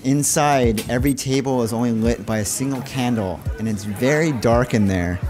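A man in his thirties chats casually in his weekly vlog, calling viewers "my friends," from a small indoor apartment room. He speaks at normal speed in a mid-range voice over music, using a handheld shotgun mic on a boom cable.

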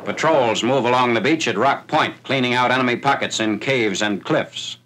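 Male narrator, mid-pitched, for a 1940s newsreel: formal, measured battle-report delivery on a hissy old film soundtrack. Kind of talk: scripted wartime newsreel narration.

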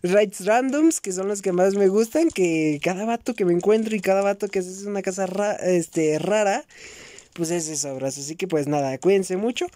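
A young man with a Mexican accent, chatting casually with his viewers while he plays, slangy and swearing, with sudden loud outbursts at the game. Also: high-pitched, normal speed, no room sound. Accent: Mexican Spanish. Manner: slangy and swearing, keeps saying bros. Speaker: gaming YouTuber. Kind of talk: casual gameplay commentary vlog.

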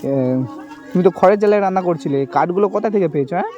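A man who talks to a young woman in a gentle, reassuring way and keeps asking "okay?". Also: high voice, racing. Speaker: charity video host. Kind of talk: staged outdoor conversation. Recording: dull lo-fi sound with music behind. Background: background music.

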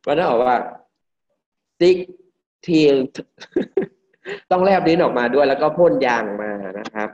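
A male English teacher from Thailand giving a classroom pronunciation lesson, drilling words slowly and repeating each one for the class. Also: fairly high pitch, expressive. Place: classroom with students. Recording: dull lo-fi classroom recording.

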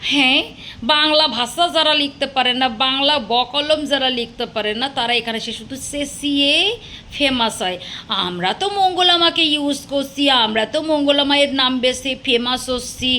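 Woman ranting at the camera, high sharp voice, taunting and sarcastic. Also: normal speed. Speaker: vlogger. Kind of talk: angry rant to camera.

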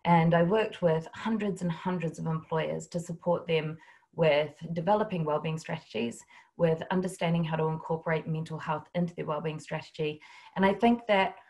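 A woman's voice: deep voice, steady tone, moderate pace, a little mellow. A woman with a New Zealand accent giving a humorous talk over a video call, telling stories about workplace stigma. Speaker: guest speaker. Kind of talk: webinar talk.

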